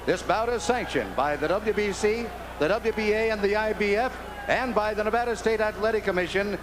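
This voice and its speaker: A man working as a boxing ring announcer, formally introducing fighters and officials with deliberate, projected delivery. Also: high-pitched, background noise. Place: indoor boxing arena.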